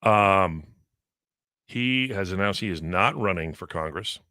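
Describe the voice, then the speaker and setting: A man's voice: deep voice, animated, measured pace, pushed and bright, a little hiss or hum. A man hosting a radio show in casual morning chat.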